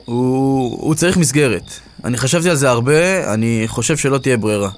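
A man's voice: medium pitch, slight background noise, lightly acted. A man playing a troubled young man. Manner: hesitant, worried.

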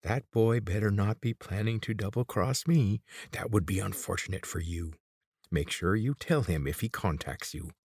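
Guy reading as a snappy, threatening old man, deep husky voice, quavers a bit, dry close sound. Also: normal speed, darkish tone, no echo. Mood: menacing.

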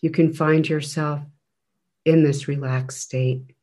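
Slow, even-toned man guiding meditation. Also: a little high. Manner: gentle, measured, with long pauses between phrases. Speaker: meditation teacher. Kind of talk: guided breath meditation.

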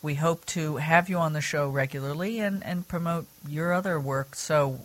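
A woman hosting a radio show, chatting casually with guests and laughing easily. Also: moderate pace. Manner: chatty, laughs easily, lively pitch swings. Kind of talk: casual radio interview chat.

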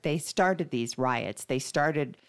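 A woman with a strikingly low voice recounts a family story on a podcast. She talks casually and unhurriedly, with a dry, wry humor. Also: slow pace, clean tone. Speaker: podcast co-host.

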